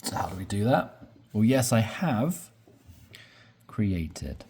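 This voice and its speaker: Slow, patient male English teacher. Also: lowish voice, very animated, a little mellow, slight background noise. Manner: patient, repeats and spells out example sentences. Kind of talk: slow explanatory lesson.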